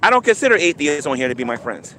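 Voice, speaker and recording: High, animated man ranting defiantly. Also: fast, slight background noise. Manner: taunting, defiant, with mocking laughs and stammered repeats. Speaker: YouTube livestreamer. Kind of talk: ranting livestream monologue.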